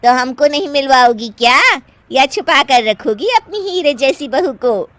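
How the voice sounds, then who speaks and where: A woman's voice: high-pitched, unhurried, fairly bright tone, no room sound, pitched above the performer's own voice. Woman doing gushing middle-aged lady friends. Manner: gushing praise.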